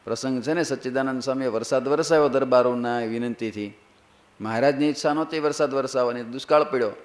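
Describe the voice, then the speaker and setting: Monk preaching a story, mid-pitched voice, acts out the characters. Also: male voice, fast talker. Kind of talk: storytelling sermon.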